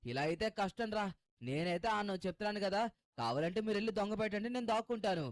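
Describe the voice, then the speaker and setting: A man voicing a defensive young guy who grumbles and calls out in drawn-out shouts during a cartoon-style game dub. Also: high voice, expressive, no echo.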